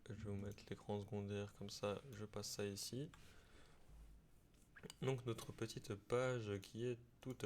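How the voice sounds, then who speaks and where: A man teaching web development over a screen recording, talking in a halting way with many fillers and restarts. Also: fairly low pitch, a little mellow, a little hiss or hum. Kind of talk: screen-recorded coding tutorial.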